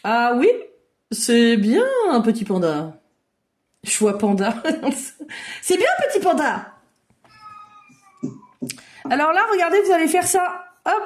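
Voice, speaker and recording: A high-pitched woman runs a children's drawing lesson over a video call. She mixes step-by-step instructions with playful make-believe, praising each child warmly as she goes. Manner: lively, encouraging, make-believe narration. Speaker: children's drawing workshop leader.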